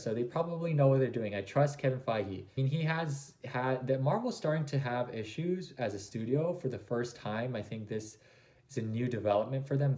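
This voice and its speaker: A man hosts a casual reaction video with a mid-pitched voice. He gushes like a keen fan and rambles from thought to thought, dropping in fillers as he goes. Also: mellow. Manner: enthusiastic, gushing.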